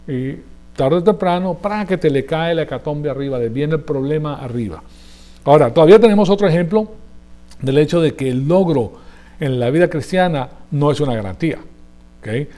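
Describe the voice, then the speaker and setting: A man's voice: on the high side, dark tone. A man giving a sermon to a congregation in a conversational way, often checking that his listeners follow him. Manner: conversational, asks the audience for agreement. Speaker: preacher.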